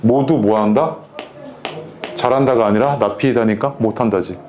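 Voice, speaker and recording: Male math teacher, relaxed lecturing voice, keeps checking in with students, faint background hiss. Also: mid-range voice, normal speed.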